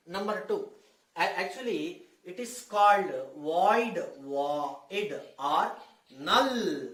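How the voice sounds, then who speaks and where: A man with a high-pitched voice teaches a class at the board. He dictates slowly, phrase by phrase, often repeating himself. The room rings with echo around his words. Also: a bit bright. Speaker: mathematics teacher. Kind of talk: board lesson for senior school students. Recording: echoey room sound.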